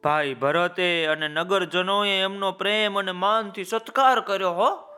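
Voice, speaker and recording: Guy telling a kids story, bright clear voice, keeps turning to the listeners, soft music in the back. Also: high-pitched, unhurried. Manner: calls out to listeners with folksy asides. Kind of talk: children's story narration.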